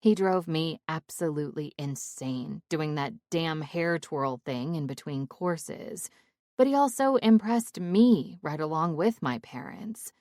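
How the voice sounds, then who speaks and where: A woman with a low voice reads a romantic comedy audiobook in the first person. Her delivery is wry and expressive, and the recording is close and completely dry, as from a studio booth. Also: measured pace, no room sound. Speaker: audiobook narrator.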